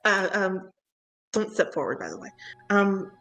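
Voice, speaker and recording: A woman's voice: mid-range voice, sing-song, a little slow, fairly bright tone, soft background music. A woman player in a tabletop game, chatting casually and hesitantly, with fillers. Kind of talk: casual out-of-character chat.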